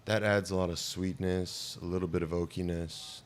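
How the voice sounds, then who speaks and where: A man hosting a relaxed, joking chat and talking easily about cigars. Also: deep voice, normal speed, slight background noise. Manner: laid-back, joking. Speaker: show host. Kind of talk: casual chat.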